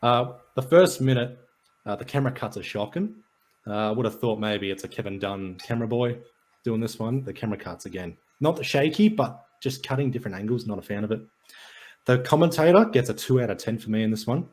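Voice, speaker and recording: A man's voice: mid-range voice, expressive, fairly quick, a little mellow. A man, co-hosting a casual podcast, running through stats and match notes with a dry, jokey delivery. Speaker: podcast co-host. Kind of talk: casual sports and wrestling chat.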